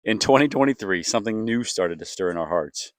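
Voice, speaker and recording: A man's voice: lowish voice, expressive, a little fast, no echo, clean studio sound. A young man reading a scripted vlog voice-over as an earnest storyteller. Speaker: family vlogger, co-host.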